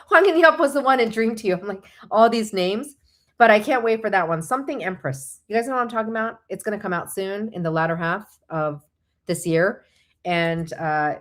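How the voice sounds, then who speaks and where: A licensed therapist whose first language is Korean hosts a casual live online show, chatting with viewers and often digressing or thinking aloud as she answers them. Her voice is medium-pitched with a fairly bright tone.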